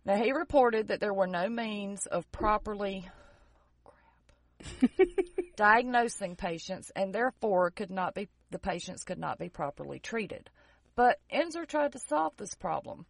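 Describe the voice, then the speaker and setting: A woman's voice: medium pitch, lively intonation, a little slow, vocal fry, no echo. A woman casually telling a history story on a podcast, reading out dates from her notes and adding sarcastic jokes. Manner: jokey, with sarcastic asides; reads out dates and figures from notes. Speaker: podcast co-host presenting history.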